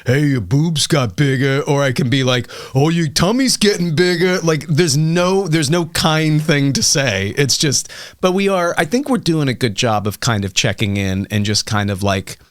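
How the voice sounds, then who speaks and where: A man's voice: medium pitch, smooth. A young man co-hosting a podcast in casual chat, playful and joking, with silly voices now and then. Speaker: podcast co-host.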